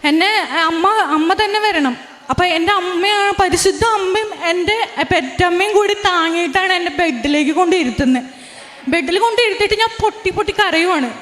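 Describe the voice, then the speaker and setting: A woman's voice: very high voice, a little fast, a bit bright. A young woman giving an earnest, emotional religious testimony, with frequent restarts. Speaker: testimony giver. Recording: long hall reverb.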